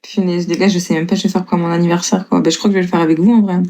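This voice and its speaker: A woman's voice: fairly low pitch, level tone, rapid-fire, mellow. A woman in her twenties with a slight northern French accent from Lille, chatting casually with viewers on a live stream, reading and answering their comments with frequent laughs. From northern France. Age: 20s. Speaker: livestreamer.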